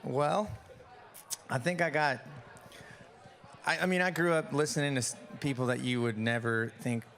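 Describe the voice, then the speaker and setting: A man's voice: mid-range voice, steady tone, normal speed, creaky, fairly bright tone, faint music behind. A young man from Mexico, a musician guest chatting casually in an interview in front of a studio audience, laid-back and slangy with many restarts.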